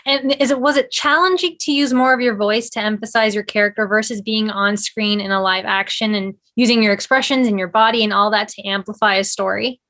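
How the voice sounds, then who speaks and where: A woman's voice: medium pitch, a little fast, hardly any pauses, bright, forceful tone. A woman hosting a casual entertainment interview, speaking in an enthusiastic, conversational way.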